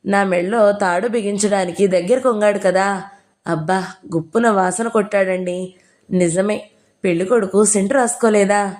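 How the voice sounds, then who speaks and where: A woman's voice: medium pitch, normal speed, a little mellow, close to an everyday voice. A woman voicing a timid, educated young bride who talks in a meek, apologetic way. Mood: amused.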